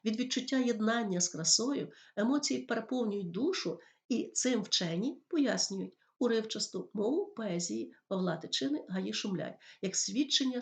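A woman's voice: mid-range voice, vocal fry. A woman teacher giving a school lesson on poetry, explaining patiently and reading verse lines aloud. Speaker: literature teacher.

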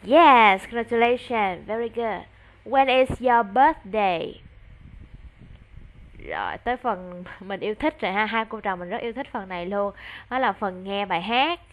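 A woman with a Vietnamese accent tutoring a child in English online, encouraging and slowing down to model English words clearly. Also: mid-range voice, animated.

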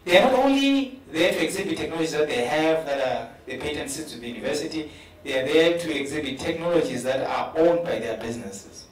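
A man's voice: a little high, fairly quick, hardly any pauses, slight background noise. A man with a South African English accent speaking earnestly on a conference panel, often repeating words as he builds a point. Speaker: panelist, professor. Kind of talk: panel discussion. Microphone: handheld mic. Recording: roomy hall from a distance.

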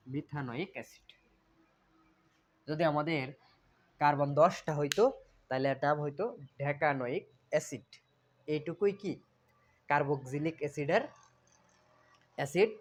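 Man teaching chemistry, answering his own questions. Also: fairly high pitch. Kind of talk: classroom lecture.

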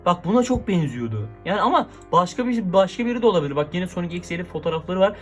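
A young man vlogging casually and excitedly, constantly talking to his viewers as he records himself. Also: high-pitched, fast, faint music behind. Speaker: YouTuber. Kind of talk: casual horror prank vlog.

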